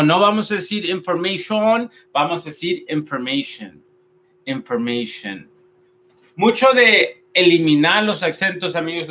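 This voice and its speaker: A male language teacher with a bright, fairly high voice. He talks at an unhurried pace, stressing and repeating each word so learners can copy it. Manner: patient, repeats each word slowly and with emphasis. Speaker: English pronunciation teacher. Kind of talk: explaining pronunciation in a video lesson.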